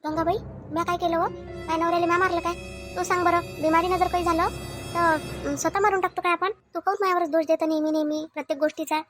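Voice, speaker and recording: A woman's voice: very high voice, flat delivery, fast talker, fairly bright tone, faint music behind. A woman voicing a meek, childless widowed aunt who pleads her case, with a Vidarbha Marathi accent, in a cartoon comedy. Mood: pleading. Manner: pleading, self-defending.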